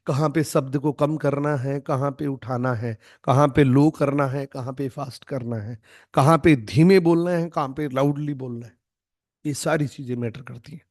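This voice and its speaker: A man with a notably high voice coaches a group on an online call. He speaks emphatically and keeps re-voicing short example lines to demonstrate tone. The sound is close and dry, with no room. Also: dry recording. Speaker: network marketing trainer. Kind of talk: online training session.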